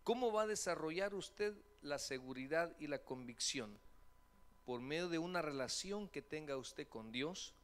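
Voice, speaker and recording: A pastor preaches a lively sermon in a church sanctuary, speaking in a fairly high, unhurried voice. He's animated, acting out the voices he quotes and joking with the congregation.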